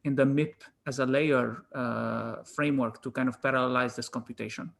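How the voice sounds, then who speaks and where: A man moderating a question session on a video call, asking questions briskly and courteously. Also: mid-range voice, steady tone, gravelly.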